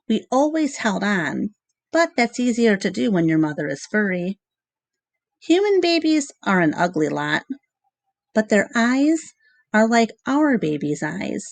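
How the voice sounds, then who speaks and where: A woman's mid-range voice, free of echo, carries a children's novel read aloud. She narrates at a measured pace with expressive, storybook flair, leaving short gaps between phrases.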